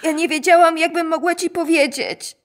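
An actress playing a frightened, bitter young daughter in a radio drama, her confession halting and shaky. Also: extremely high pitch.

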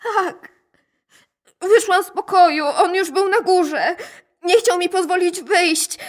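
A high-voiced young daughter in a radio drama, played by a woman, frightened and bitter. She speaks slowly, in a halting, shaky way, as if each word costs her.

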